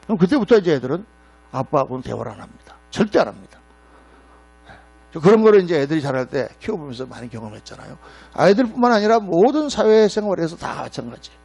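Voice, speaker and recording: High-pitched gravelly pastor preaching. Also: male voice, fast. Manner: storytelling with acted-out quotes, animated. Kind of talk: sermon. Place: church sanctuary. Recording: mains hum.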